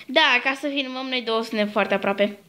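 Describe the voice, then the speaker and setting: A young woman hosts a casual Minecraft let's-play in a high, bright voice. She talks in a bossy, teasing, playful way to her friend. A faint hiss sits under the recording. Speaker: host.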